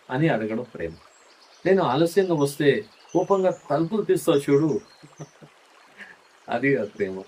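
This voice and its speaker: A man's voice: medium pitch, a little mellow. A middle-aged man delivering a scripted, heartfelt monologue as a husband speaking tenderly and intimately to his wife. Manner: tender, intimate, coaxing tone addressed to a spouse.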